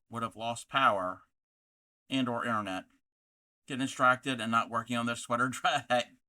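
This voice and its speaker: A man from North America hosting a casual crafting livestream, talking in a halting, distracted way as he reads out chat messages. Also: mid-range voice, pushed and bright, clean tone. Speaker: livestream host of a craft channel.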